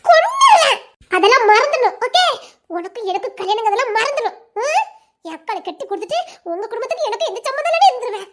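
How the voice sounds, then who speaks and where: A piping, childlike-high voice that rattles along at a breakneck clip belongs to a feisty young village woman, played by a woman. she teases and jokes and throws out mock threats in this audio love drama, giggly and quick as she goes. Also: expressive, fairly bright tone. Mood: teasing. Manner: rapid rural chatter, giggly, mock threats.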